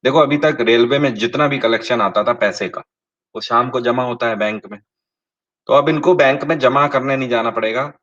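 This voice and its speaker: A man teaching exam prep online reads quiz questions deliberately in English, then explains them in Hindi, his emphasis building as he goes. Speaking at a middle pitch with a fairly bright tone, he talks directly to his live audience, asking for answers and confirming them. The recording is a bit dull and lo-fi.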